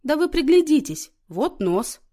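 A woman reading an audiobook, voicing an excitable, chatty young woman. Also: high-pitched, a little slow, voice pushed up. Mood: excited.

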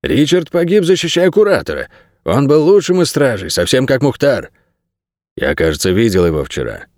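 A man voicing a lean, gloomy male shepherd dog who talks in a brooding, hushed way. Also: fairly high pitch, sing-song, normal speed, no room sound, clean studio sound, voice pushed up. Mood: secretive.

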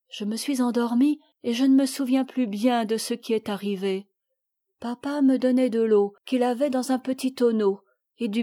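A woman reading the part of a little girl who sadly recounts a shipwreck, in a gentle, measured voice. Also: a little high, close to an everyday voice. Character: little girl recalling a shipwreck, sad and earnest. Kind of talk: audiobook reading.

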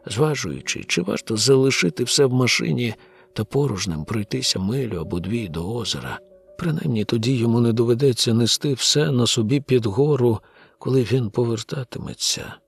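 Gravelly male audiobook narrator. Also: mid-range voice.

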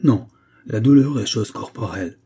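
A man's voice: on the low side, moderate pace, warm tone, husky. A man reading an audiobook, voicing the hard, cold spirit of a dead man who speaks through a medium. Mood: solemn, cold. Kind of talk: audiobook character voice.

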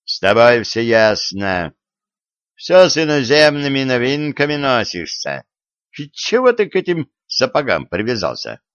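A man voicing a stern, mocking old Russian tsar in an audiobook, talking in a gruff, dismissive way. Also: mid-range voice, sing-song, unhurried, a bit bright, no room sound, voice pushed up. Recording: dull, dry lo-fi recording.

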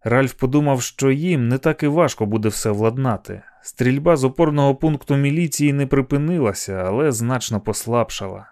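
A man reading a novel aloud as an audiobook narrator, in a steady, measured manner. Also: medium pitch. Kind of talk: scripted narration.

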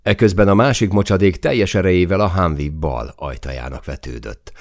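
A man reading a first-person audiobook in a tense manner, rising to shouts in the dialogue. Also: sits low, no room sound, studio quality. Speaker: audiobook narrator.

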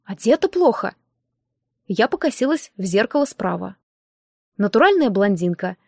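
A woman reading a first-person audiobook in a measured, even storytelling manner. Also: on the high side, dry recording, clean studio sound. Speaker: audiobook narrator.

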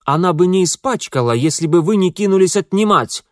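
A man's voice: sits high, animated, fairly quick, dry recording, studio quality, voice pushed up. A man voicing a stern young governess with a light German accent, indignant and commanding.

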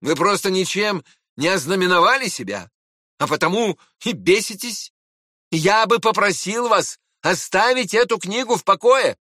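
A man reading aloud and voicing an irritable, proud middle-aged prince who snaps and shouts. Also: sits high, animated, moderate pace, no echo, clean studio sound, voice pushed up. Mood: irritated, scornful. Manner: snappish, shouting and scolding.

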